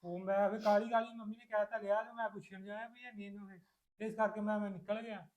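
A man playing a quick, soothing young husband. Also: sits high, little pitch movement, lightly acted. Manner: soothing, reassuring. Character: young husband gently soothing his wife. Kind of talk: amateur family drama acting.

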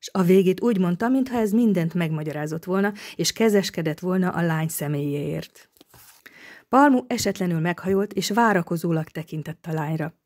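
A woman narrating an audiobook novel in a steady, even storytelling manner. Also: fairly low pitch.

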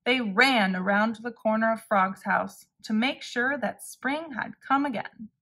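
A woman reading a children's story aloud as narrator, careful and clearly paced. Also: fairly high pitch, a little slow, sharp tone.

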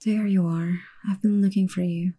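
A young woman in a whispered role-play, her voice breathy and full of air, with a gravelly fry at the edges. She talks slowly and gently, coaxing her listener. Her tone is dark and muffled, with little rise and fall. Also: medium pitch, steady tone. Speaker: ASMR role-play performer.

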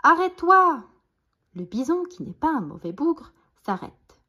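Expressive breathy woman storyteller. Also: a little high, normal speed. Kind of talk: reading a bedtime story aloud.

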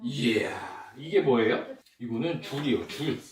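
Guy doing kids party magician patter, playful and super animated, echoey room, mic kinda far off. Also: medium pitch, a little slow. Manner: playful, exclaims with theatrical surprise to a child. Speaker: magician hosting a family magic show for children.

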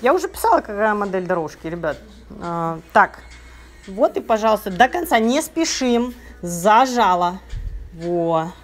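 A woman's voice: medium pitch, big pitch swings, unhurried, soft background music. A woman fitness trainer coaching casually at home, giving short repeated encouraging cues and counting workout reps. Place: carpeted high-ceilinged living room at home. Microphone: handheld phone, sometimes covered by her hand.

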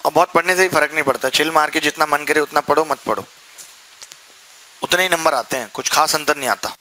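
A man's voice: fairly high pitch, brisk, bright, forceful tone, poor audio. A young man teaching a maths class, asking the students questions and answering them himself, with jokey, chatty asides. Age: young adult. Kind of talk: classroom lecture.

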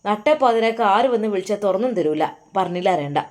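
A woman voices a scheming, sharp-tongued wife who scolds and taunts in Malappuram Malayalam. She comes across higher and louder than the narration, with biting, mocking lines. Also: expressive, fast talker, lightly acted. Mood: threatening.

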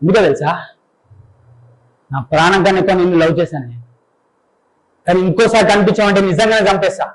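A man's voice: high voice, quick pace, pauses often, close to an everyday voice, poor audio. A man acting a bitter, jilted young man who taunts and threatens his ex-lover, in an audition monologue.

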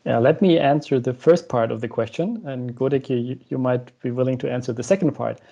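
A man's voice: medium pitch, a little fast, vocal fry, warm tone, breathy edge, dull audio. A young man, a company co-founder, explaining a product step by step on a video call, with frequent "um" fillers. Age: young adult. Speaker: guest, co-founder of the company discussed. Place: room at home with shelves, indoors. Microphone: wired earphone headset mic.

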